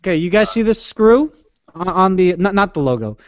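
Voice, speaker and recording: A man's voice: high voice, expressive, a little fast. A man co-hosting a casual tech podcast in a joking, easygoing way. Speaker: podcast co-host. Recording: dry, dull lo-fi podcast audio.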